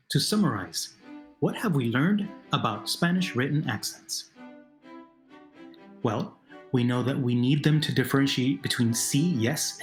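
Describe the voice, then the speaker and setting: Male language teacher, lively pitch, patient question-and-answer narration, soft music bed. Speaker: Spanish teacher. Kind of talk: narrated video lesson.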